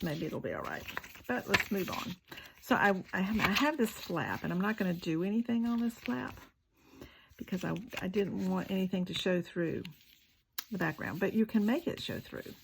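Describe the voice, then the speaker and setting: A woman's voice: medium pitch, sing-song, normal speed, creaky, background noise. A woman, talking casually through a craft tutorial, chatty and self-deprecating, with muttered asides while she works. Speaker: craft video maker.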